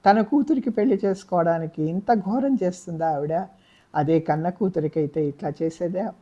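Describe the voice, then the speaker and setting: A woman's voice: on the low side, moderate pace, mellow, lo-fi sound, natural voice. A woman reading a novel aloud, voicing a distraught young daughter who pleads through tears. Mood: pleading. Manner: pleading, tearful.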